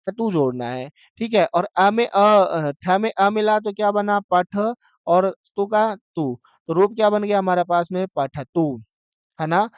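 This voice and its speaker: Male grammar teacher. His voice is high and clear, and his delivery is slow and deliberate. He does call-and-response drilling. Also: dry recording, highs cut off. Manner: call-and-response drilling, chanting verb forms slowly. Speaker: Sanskrit teacher. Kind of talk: grammar lesson.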